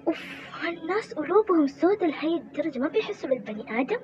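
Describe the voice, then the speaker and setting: A woman's voice: extremely high pitch, very animated, rapid-fire, voice pushed up. A woman voicing a weary young wife in a toy role-play drama, chatting and complaining about her in-laws. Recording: muffled with background noise.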